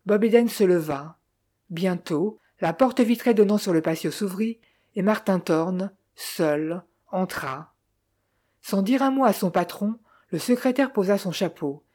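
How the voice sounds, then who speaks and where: A woman narrating a novel in a steady, measured way. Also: medium pitch. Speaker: audiobook narrator. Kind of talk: scripted narration.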